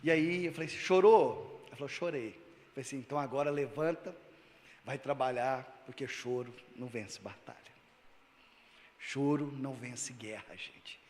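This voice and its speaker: A male pastor preaching a sermon, moving between loud emphatic lines and low, quiet storytelling. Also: moderate pace, in a large hall.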